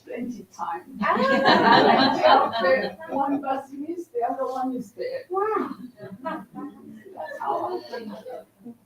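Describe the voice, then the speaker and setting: An older woman in her sixties shares her life story as a speaker at an event, with heartfelt, emotional warmth. Her voice sits high and she talks slowly. The sound is roomy and far off, as in a large hall. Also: sing-song, a loud crowd. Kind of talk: personal testimony speech. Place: university studio hall.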